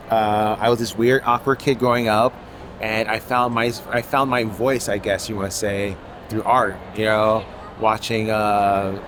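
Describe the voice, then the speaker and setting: At an outdoor art fair, a male artist from Haiti chats through a casual interview in a loose, meandering way full of filler phrases. His pitch is medium, and background noise is audible.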